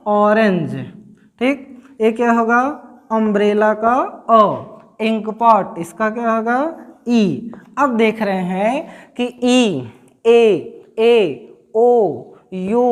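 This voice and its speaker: A middle-aged woman teaching grammar to schoolchildren. She speaks at an unhurried pace in a mid-range voice. She keeps asking her class questions and answering them herself, repeating each word. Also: mid-range voice.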